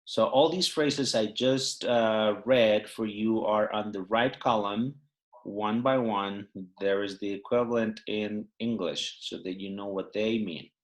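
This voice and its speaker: A man who speaks natively, going through a phrase sheet in English, unhurried and with many fillers. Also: lowish voice. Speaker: Spanish teacher.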